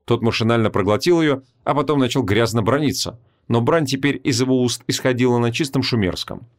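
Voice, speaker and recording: A man narrates a fantasy audiobook in an even, measured storytelling manner. His voice sits at an ordinary middle pitch.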